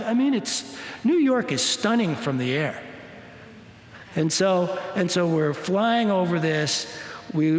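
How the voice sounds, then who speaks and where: A male minister giving a spiritual talk, telling a personal story in an animated way and acting out the voices of the people in it. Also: a little high. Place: church hall. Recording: echoey hall.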